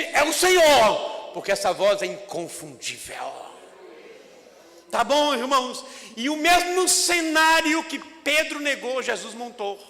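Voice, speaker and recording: A male pastor, preaching a sermon in an animated storytelling way that swings between loud and hushed. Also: very high voice. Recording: echoey church hall.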